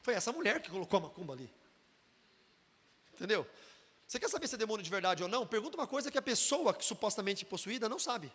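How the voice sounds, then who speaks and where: A Brazilian man preaches at a brisk clip in a high, bright voice, lively as he acts out the people in his stories. His voice rings with the long reverb of a hall. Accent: Brazilian Portuguese. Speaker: pastor teaching a deliverance seminar. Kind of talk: sermon-style teaching with told stories.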